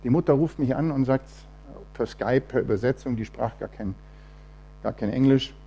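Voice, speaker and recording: Male lay preacher, mellow husky tone, animated storyteller who voices the people in his story. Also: medium pitch, normal speed, highs cut off. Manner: storytelling, acts out quoted voices. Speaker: church speaker giving testimony. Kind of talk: testimony sermon with Bible reading.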